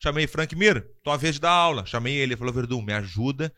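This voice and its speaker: A man's voice: mid-range voice, lively intonation, quick pace, bright, forceful tone. A man telling a story in casual podcast chat, acting out quotes and laughing often. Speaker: podcast guest telling a fight-world story.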